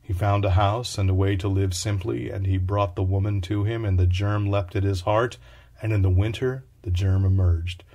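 In a low, mellow voice with fairly even intonation, a man delivers a literary short story at a moderate pace. It's a dramatic, scripted reading, declamatory and incantatory, broken into short phrases.

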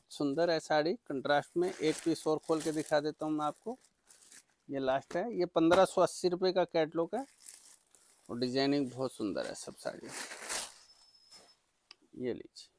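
A man presenting products for sale in an eager, repetitive teleshopping-style pitch. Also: a little slow, long pauses, a little mellow. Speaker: saree seller presenting products. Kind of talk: product sales demonstration.

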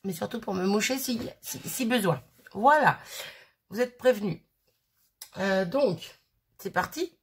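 A crafting vlogger in her thirties chats casually while unboxing a birthday parcel, rambling and giggling through a sniffly nose. Her husky, medium-pitched voice is animated yet unhurried, with long pauses.

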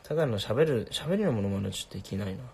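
A young man casually answering viewer questions on a livestream, laid-back and soft-spoken. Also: fairly low pitch, lively intonation, fast talker, creaky, a little hiss or hum.

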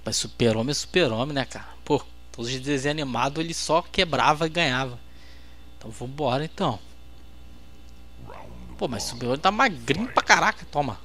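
Excitable Brazilian man trash-talking a fighting game. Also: medium pitch, brisk. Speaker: gameplay host. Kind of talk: let's-play commentary.

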